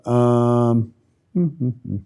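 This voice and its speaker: This man is a sales trainer running an informal live online lesson, thinking aloud as he reads and answers viewer comments in a conversational way. His medium-pitched voice is steady, smooth and dark, and he speaks extremely slowly.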